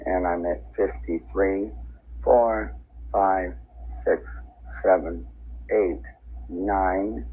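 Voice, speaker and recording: A man making a dictaphone-style spoken log of dates and times, halting and repetitive, often counting aloud. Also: deep voice, husky. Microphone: tablet voice recorder. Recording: dull, noisy handheld voice-recorder sound.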